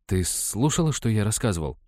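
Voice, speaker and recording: A man's voice: lowish voice, sing-song, brisk, dry recording, clean studio sound, pitched above the performer's own voice. A man voicing an agitated young tribesman who argues urgently with his mother. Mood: puzzled. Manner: urgent, pleading then yelling.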